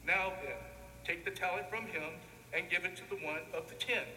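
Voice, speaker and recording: Guy reading the gospel at mass, high sharp voice, big cathedral echo, solemn and measured. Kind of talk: solemn liturgical scripture reading. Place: large reverberant church. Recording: echoey church, long reverb, background noise.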